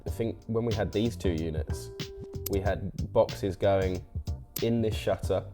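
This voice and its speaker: A man's voice: deep voice, measured pace, music in the background. A man being interviewed, telling work stories in a casual, matter-of-fact way. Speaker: warehouse prep centre worker being interviewed.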